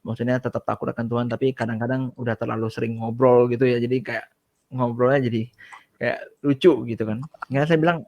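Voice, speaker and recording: A man shares a personal testimony in a relaxed, chatty way and acts out the dialogue he recalls. His voice has a gravelly edge, and it sits dry and close to the mic. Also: mid-range voice, a little fast, no echo. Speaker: guest giving a testimony. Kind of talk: casual storytelling testimony.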